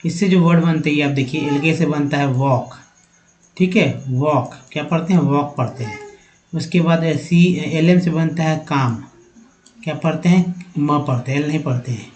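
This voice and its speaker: A man's voice: on the high side, normal speed, a little mellow, echoey room, low-quality recording. A man teaches English spelling and pronunciation, repeating letter patterns aloud and addressing viewers as friends.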